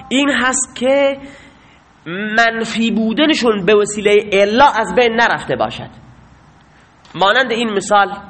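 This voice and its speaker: A man's voice: sits high, fairly bright tone. A man teaching a grammar lesson, asking questions and answering them himself.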